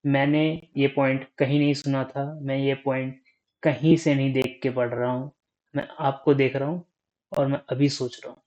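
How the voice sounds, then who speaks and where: A young man giving a casual talk on speaking, unhurried, thinking aloud and often checking in with the listener. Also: mid-range voice, flat delivery, a little mellow, muffled recording. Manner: frequent "ठीक है?" check-ins.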